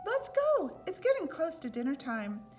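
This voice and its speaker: A woman's voice: high-pitched, huge pitch swings, normal speed, faint music behind, voice pushed up. A woman voicing an eager, hearty male moose in a children's storybook, polite but insistent. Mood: cheerful, insistent.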